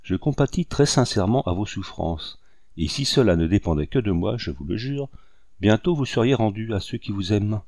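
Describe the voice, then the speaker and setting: A man reading the lines of a gentle, kindly young married woman in an audiobook, speaking softly and coaxingly. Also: lowish voice, lively intonation, normal speed, no echo, clean studio sound. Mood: tender. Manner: soft, coaxing delivery.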